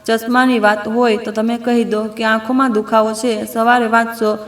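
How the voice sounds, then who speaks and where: A woman voicing a calm, cautious female doctor who gives careful instructions in a storybook reading. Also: a little high, normal speed, natural voice. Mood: calm warning. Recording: echoey room.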